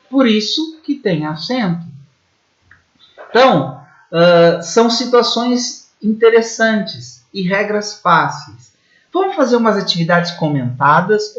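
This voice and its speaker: A Brazilian man, a Portuguese teacher, explains grammar rules step by step, often checking in with "né?". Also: sits high. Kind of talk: recorded online grammar lesson. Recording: slightly muffled lo-fi audio.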